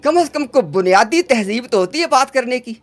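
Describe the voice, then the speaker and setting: High-voiced man, insistent debater. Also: lively intonation, crowd noise. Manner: insistent, interrupting, repeats himself. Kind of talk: heated religious debate.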